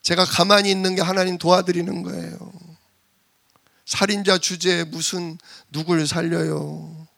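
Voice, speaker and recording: A man preaching a sermon in a lively way, acting out the voices of the people he quotes. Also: high-pitched, a little slow, gravelly. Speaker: pastor.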